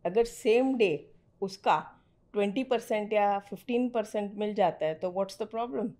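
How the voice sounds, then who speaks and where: A woman's voice: medium pitch, a little slow, mellow. A middle-aged woman mentoring a student on trading in a direct, firm conversational way, slipping English phrases into her talk. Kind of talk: conversational teaching.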